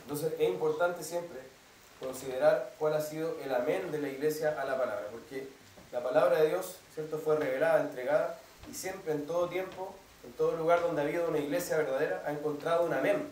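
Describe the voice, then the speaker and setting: A man preaching a teaching sermon, his voice a touch high and carried from afar across a reverberant church hall. He lays out doctrine patiently, pausing again and again to ask whether his listeners follow. A faint hum of the room sits beneath his words. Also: darkish tone. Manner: explanatory, keeps asking "¿cierto?" to the congregation. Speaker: pastor. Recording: echoey hall, mic at a distance.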